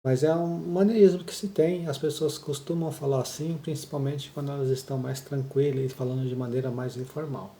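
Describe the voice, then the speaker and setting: A man's voice: mid-range voice, fairly even intonation, a little fast, hardly any pauses, mellow, roomy sound, a little hiss or hum. A man explaining a Japanese listening lesson patiently, often checking in with his listeners. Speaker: Japanese teacher.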